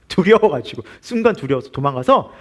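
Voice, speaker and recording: A man preaching in a church with a high, lively voice that climbs and falls across every phrase. He keeps asking the congregation questions and answering them himself. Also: normal speed. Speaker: pastor. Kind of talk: sermon.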